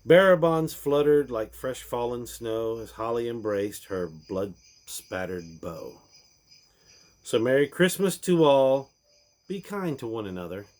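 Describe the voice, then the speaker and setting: A man with a medium-pitched, slightly mellow voice reads a parody Christmas storybook aloud, a little slowly and with lively intonation. His delivery of the rhymes is theatrical and emphatic, swelling and then dropping away at each line's end.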